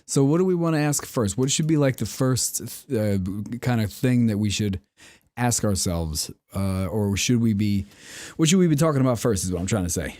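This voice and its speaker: A man co-hosting a casual chat about acting, talking in a playful, animated way and often repeating himself. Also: mid-range voice, moderate pace, dry recording, studio quality. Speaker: co-host.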